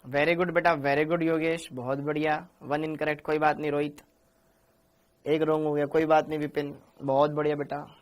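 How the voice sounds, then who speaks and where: A man with a fairly high, fairly flat voice speaks at a moderate pace while teaching chemistry in a live online class. He's chatty and repetitive, calling his students "beta," praising them by name, and repeating their answers.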